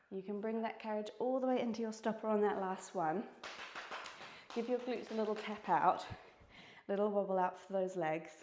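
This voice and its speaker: A woman's voice: mid-range voice, a little mellow. A woman with a New Zealand accent leading a reformer workout class, out of breath and encouraging as she exercises along. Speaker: fitness instructor. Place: indoor reformer studio. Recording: echoey studio room.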